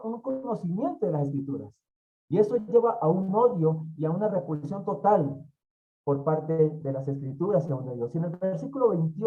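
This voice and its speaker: A man's voice: high voice, narrow, tinny audio. A man from Colombia, teaching an expository Bible study in an emphatic way and repeating his key phrases.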